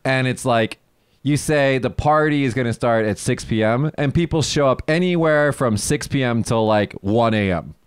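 A man's voice: medium pitch, normal speed, clear, resonant tone, dry recording, clean studio sound. A man co-hosting a casual chat show, explaining things to listeners and laughing often. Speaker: podcast co-host.

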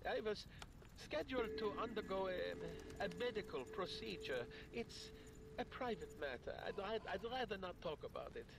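An actor playing a frightened blind older male tenant in a game, stammering and nervous, with a gravelly voice. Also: sits high, animated, moderate pace, poor audio.

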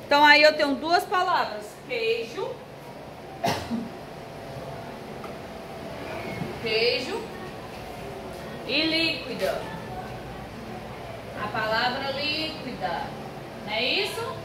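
Slow, patient Brazilian teacher, high voice. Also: female voice, sing-song, noisy background. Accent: Brazilian Portuguese. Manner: slow, patient, spells out letters and syllables. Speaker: primary school teacher. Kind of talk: recorded remote class.

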